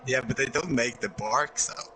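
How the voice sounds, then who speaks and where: Male co-commentator, bright tone. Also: mid-range voice, moderate pace, slight background noise, low-quality recording. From Norway. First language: Norwegian. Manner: laid-back, short agreeing replies. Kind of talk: casual commentary chat.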